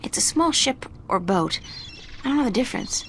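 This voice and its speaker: A woman's voice: high voice, lively intonation, moderate pace, fairly bright tone, a little hiss or hum. An actress playing an inquisitive young woman adventurer who keeps asking naive questions. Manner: asks endless naive questions.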